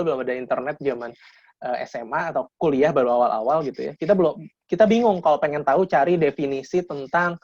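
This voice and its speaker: Fast-talking man in his thirties on a video call. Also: fairly high pitch, no echo. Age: 30s. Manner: casual lecturing, frequent restarts. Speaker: guest speaker. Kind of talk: webinar talk. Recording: dull lo-fi video call audio.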